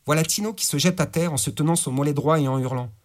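A man's voice: a little high, quick pace. A man narrating a gritty crime story in slangy, vivid audiobook style. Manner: slangy, vivid, voices characters. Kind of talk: audiobook narration with character voices.

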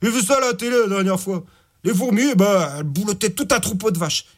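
A man voicing a slow-witted, mocking male thug henchman in an audiobook, with slangy speech. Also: high-pitched, pitched above the performer's own voice. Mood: taunting.

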